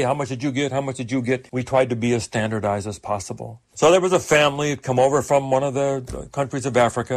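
An older man, a pastor, preaching a sermon with earnest, emphatic rises. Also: mid-range voice.

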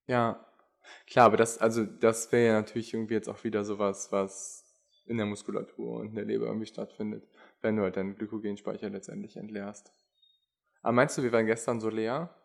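Low, flat-voiced young man explaining. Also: a little fast, creaky. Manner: explanatory, hesitant, many fillers. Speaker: podcast co-host, endurance athlete. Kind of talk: casual conversational chat.

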